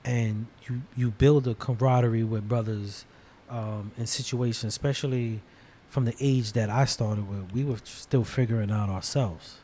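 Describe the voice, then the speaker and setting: A man co-hosting a casual podcast, telling stories in relaxed slang with lots of fillers. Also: medium pitch, normal speed, slight background noise. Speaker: podcast co-host.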